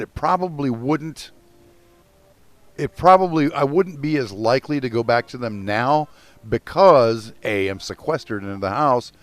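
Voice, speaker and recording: A man's voice: mid-range voice, no room sound. A man co-hosting a podcast in casual chat, rambling through stories and swearing freely. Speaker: podcast co-host.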